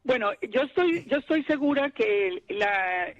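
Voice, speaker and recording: A woman in her fifties, a Torah teacher answering radio interview questions in an earnest, measured way. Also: a little high, expressive, highs cut off, soft background music. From Colombia. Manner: earnest, measured storytelling with restarts.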